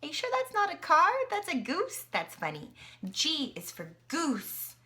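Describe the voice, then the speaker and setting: Reading aloud from a picture book with sing-along parts, this Canadian woman quizzes a small child and gasps at the pictures. Her high voice swoops wildly in pitch, carries a sharp tone, and keeps a measured pace.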